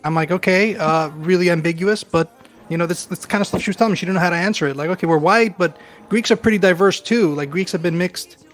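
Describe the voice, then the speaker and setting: A man's voice: sits high, quick pace, slight background noise. Rambling New man, around forty. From Queens, New York. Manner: rambling, self-deprecating, many fillers. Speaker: guest. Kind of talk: casual chat.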